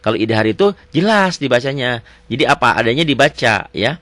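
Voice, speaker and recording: A man teaching Quran recitation, quizzing a student with quick questions, repeating answers and reciting verses slowly. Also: medium pitch, lively intonation, a bit bright, dry recording. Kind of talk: Quran reading lesson with a child.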